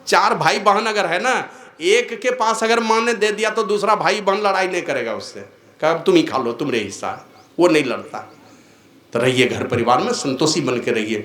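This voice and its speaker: Reverb surrounds an older man teaching spiritual matters in a devotional discourse. He shifts between raised exhortation and slow, low-voiced asides, and his tone is a bit bright.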